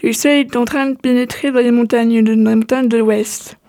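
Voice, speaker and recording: Une femme qui lit un conte à voix haute, sans se presser, avec quelques hésitations et reprises. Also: female voice, a little high, steady tone, dark tone. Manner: unhurried reading with small slips and restarts. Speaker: narrator. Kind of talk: reading a tale aloud.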